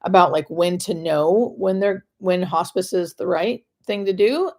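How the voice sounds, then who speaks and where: A woman's voice: on the low side, measured pace, darkish tone. American woman, conversational hospice nurse. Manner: conversational, explanatory, stop-and-start phrasing with emphatic repetition. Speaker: hospice nurse answering live viewer questions. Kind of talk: casual live-stream Q&A.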